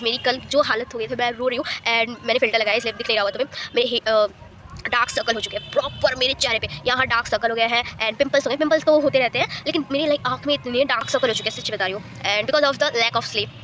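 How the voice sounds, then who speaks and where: A woman's voice: fairly high pitch, sharp tone, a little hiss or hum. A teenage girl chatting casually in a vlog, rambling on and mixing in English words. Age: teens. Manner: chatty, rambling Hindi-English code-switching. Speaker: vlogger. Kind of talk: casual chat.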